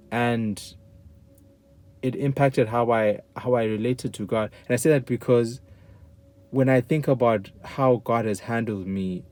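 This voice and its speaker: Earnest young man, halting faith talk. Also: fairly low pitch, darkish tone. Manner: earnest, halting, many restarts and fillers; casual slang, says bro and man. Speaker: guest sharing testimony. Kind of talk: candid faith conversation.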